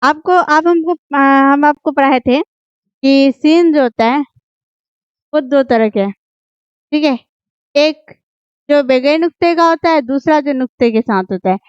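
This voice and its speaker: Pausing often and speaking a little slowly in a high-pitched voice, a woman explains an Urdu script lesson with patience. She repeatedly asks things like "ठीक है?" to make sure her students keep up. Her voice sounds dull, dry, and lo-fi, without any echo.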